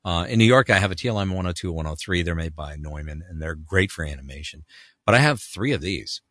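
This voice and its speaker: A man who voices characters, telling animated anecdotes and acting out other people's voices. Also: fast, no echo, studio quality. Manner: acts out other people's voices with big pitch jumps. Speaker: voice actor guest.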